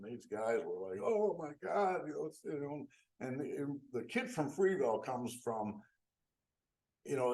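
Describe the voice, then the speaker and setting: An older man from upstate New York, telling stories to a membership meeting in a folksy way and acting out the quotes. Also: on the low side. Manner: folksy, acts out quotes with rising excitement. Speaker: guest speaker. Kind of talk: storytelling talk.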